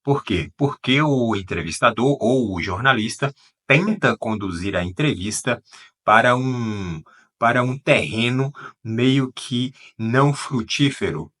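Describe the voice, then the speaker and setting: A man's voice: mid-range voice, animated, unhurried, fairly bright tone. A man narrating a promotional video intro and asking viewers to subscribe. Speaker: channel narrator.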